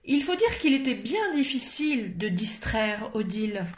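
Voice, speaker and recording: A woman storyteller at a library, reading a picture book aloud with expressive, lively delivery. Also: on the high side, moderate pace, roomy sound.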